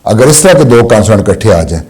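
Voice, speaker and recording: A man teaching a language lesson, explaining slowly and asking questions he answers himself. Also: on the low side, sing-song, a little mellow, husky. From Pakistan. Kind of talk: classroom lesson.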